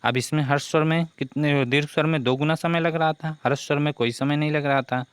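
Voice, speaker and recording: A man's voice: fairly high pitch, steady tone, a little fast, smooth, no echo. A man teaching a grammar lesson for exam preparation who keeps asking questions and answering them himself.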